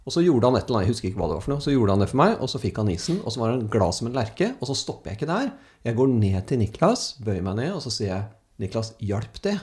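Animated man. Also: medium pitch, hardly any pauses. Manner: animated storyteller, acts out quoted voices. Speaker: speaker telling stories. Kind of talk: casual anecdote telling.

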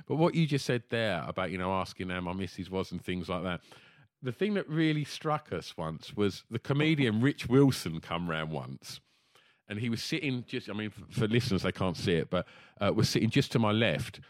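A man's voice: fairly low pitch, dry recording. A man in his forties talks on a remote call, his voice rising and falling a lot. He rambles and swears freely, laughing through his own stories, and the sound is dry and close. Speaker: podcast guest. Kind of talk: casual chat. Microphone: remote video call.

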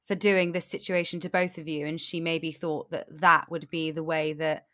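A woman's voice: sits low, little pitch movement, normal speed, a bit bright. A woman hosting a casual chat, reflecting on her guest's story in a thoughtful, tentative way.

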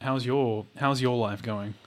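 Male podcast co-host, Australian, medium pitch with vocal fry, joking and ready to bicker. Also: steady tone, unhurried. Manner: jokey, sweary, argumentative. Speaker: true crime podcast co-host. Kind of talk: casual banter.

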